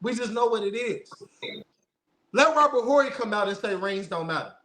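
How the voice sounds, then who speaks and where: A man's voice: high-pitched, expressive, normal speed, pushed and bright. A man hosting a casual basketball debate show, giving opinions emphatically and insistently, repeating phrases for stress. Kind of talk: opinionated casual sports talk.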